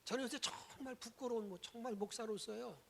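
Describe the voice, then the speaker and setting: A woman's voice: on the high side, a little fast, creaky, slight background noise. A woman pastor giving a Sunday sermon, telling the story dramatically, acting out the lines and dropping into whispers.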